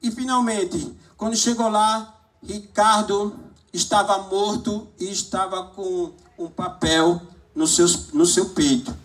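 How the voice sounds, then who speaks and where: A man's voice: high voice, fairly even intonation, takes it slowly, a bit bright. A man preaching a sermon, exhorting the congregation and calling for amens. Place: church service hall.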